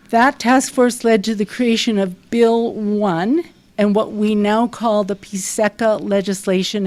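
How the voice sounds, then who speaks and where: A soft-spoken woman moderates a panel at a public event. She reads a formal introduction in a measured, careful way, at a middling pitch.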